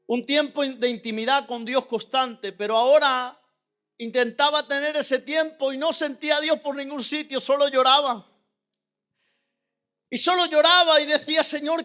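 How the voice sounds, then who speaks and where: A man preaching a testimony sermon, speaking to his congregation and building up to loud, impassioned pleading. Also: very high-pitched.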